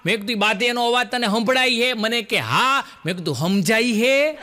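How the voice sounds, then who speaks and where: High bright stand-up comedian. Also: male voice, animated, brisk. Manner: folksy joke-telling to a laughing audience. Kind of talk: live stand-up storytelling.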